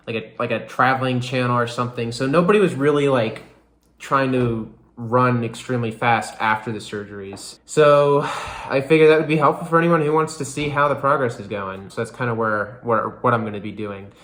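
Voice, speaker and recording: A man's voice: medium pitch, fairly even intonation, a little fast, a bit bright. Rambling young man in an echoey room. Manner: rambling, lots of fillers like "you know" and "like". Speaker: vlogger. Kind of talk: casual recovery update vlog.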